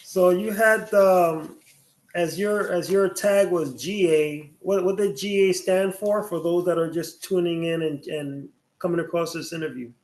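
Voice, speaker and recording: Man, interviewer, high voice, echoey room, relaxed questions. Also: unhurried. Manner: laid-back, laughs along, prompting questions. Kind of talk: casual interview. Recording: roomy echo.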